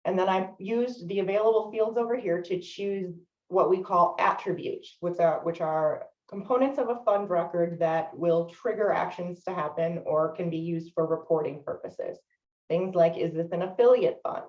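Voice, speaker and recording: A woman's voice: fairly low pitch, dull audio. Woman trainer on distant echoey webinar audio. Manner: steady explanatory delivery with frequent um fillers. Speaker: software trainer. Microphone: video call microphone.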